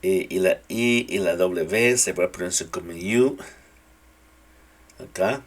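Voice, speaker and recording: A man gives a casual English pronunciation lesson in a low, husky voice. He speaks slowly and repeats each example word carefully. His tone stays relaxed throughout. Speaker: English teacher.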